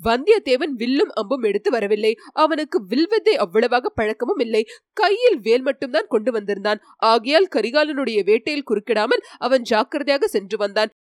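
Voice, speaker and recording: A woman narrates a storybook in an even, clear, steady read. Her voice sits on the higher side, and the recording is dry and close with no room echo. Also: brisk. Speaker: audiobook narrator.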